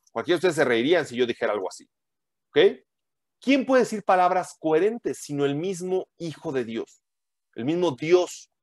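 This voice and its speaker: A man's voice: on the high side, dry recording, studio quality. A man giving a teaching sermon to a group, emphatic and full of rhetorical questions and tag questions.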